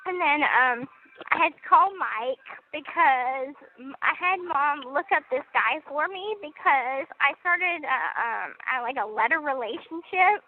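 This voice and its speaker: A woman's voice: high-pitched, expressive, a little slow. A young woman calling from prison, chatting casually and giggling, with lots of "like" and "um". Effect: prison phone line. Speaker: inmate on a phone call. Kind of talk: casual phone chat. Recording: tinny phone line with faint noise.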